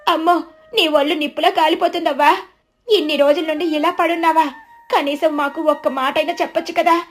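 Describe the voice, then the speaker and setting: A woman's voice: high voice, fairly even intonation, brisk, faint music behind, pitched above the performer's own voice, close to an everyday voice. A woman voicing an anxious, caring young village wife who speaks in an urgent rush, in a storybook. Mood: alarmed. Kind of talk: storybook narration.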